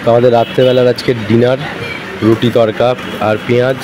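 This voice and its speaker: Male travel vlogger, weary and chatty, recorded in a roomy space with steady background noise. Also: medium pitch, brisk. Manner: chatty, talks straight to viewers. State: tired. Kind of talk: casual travel vlog talk. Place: hotel and beach town, indoors and out.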